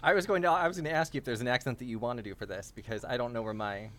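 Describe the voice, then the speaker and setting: A man acting as game master, narrating a tabletop game in a relaxed, laughing way with slow, deliberate narration. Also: mid-range voice.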